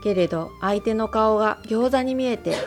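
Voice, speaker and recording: A woman with a Kansai accent, reading a children's picture book aloud in a gentle, even storytelling manner. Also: a little high, normal speed, faint music behind. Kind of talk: storybook narration.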